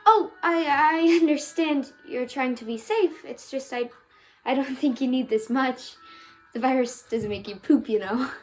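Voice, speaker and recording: A bubbly young cashier, played by a woman, chats with shoppers in a high, light voice that takes its time. She stumbles and restarts nervously, keeping things friendly. Soft music plays faintly underneath. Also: measured pace, rough recording. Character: chatty, awkward young female store cashier. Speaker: student actor. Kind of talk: stage monologue.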